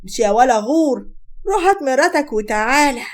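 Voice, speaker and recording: A woman's voice: sits high, animated, fairly quick. A woman with an Egyptian accent voicing a stern older mother who orders her son about.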